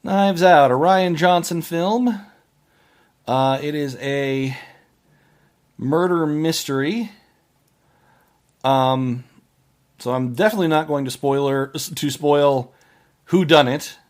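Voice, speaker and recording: A man hosting a podcast, giving casual movie reviews in a halting way, often restarting and trailing off mid-phrase. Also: a little high, darkish tone. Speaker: podcast host.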